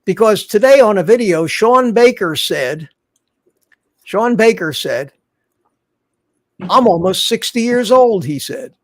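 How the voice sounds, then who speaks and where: This livestream host is a man in his seventies talking from his home studio through a desk microphone. He has a high-pitched, lively voice and speaks slowly with frequent pauses, chatting in a rambling way and restarting sentences a lot.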